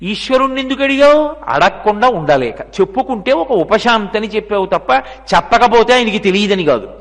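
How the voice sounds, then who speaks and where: A man's voice: sits high, fairly quick. A man with a Telugu accent giving a devotional discourse, asking the audience rhetorical questions and using everyday examples. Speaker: religious discourse speaker. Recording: long reverb of a lecture hall.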